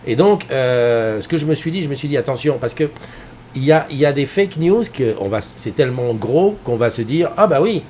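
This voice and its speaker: A middle-aged man talking at mid pitch as he hosts a casual live stream from his home. He rambles with animation, stumbles through restarts and fillers, and calls out to viewers by name. A faint hiss sits under his voice. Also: animated, fairly quick, darkish tone. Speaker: host of a live morning show. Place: indoors at home, with a TV behind him.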